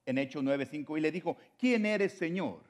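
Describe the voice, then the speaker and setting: A man preaching a sermon, moving between loud exhortation and quiet, low drops. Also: fairly quick.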